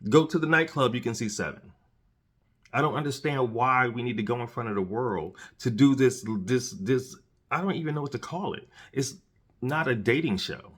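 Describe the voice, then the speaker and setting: A podcast host with a husky, slightly bright, medium-pitched voice runs a solo commentary show at a normal speed. He talks earnestly and preachily, often repeating and restarting his words. His mouth is dry and he has candy in it.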